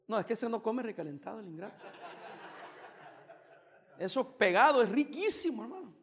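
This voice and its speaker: A pastor from El Salvador giving a joking, teasing sermon with bursts of emphasis. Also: male voice, very high voice, very animated, moderate pace, a bit bright, big-room sound.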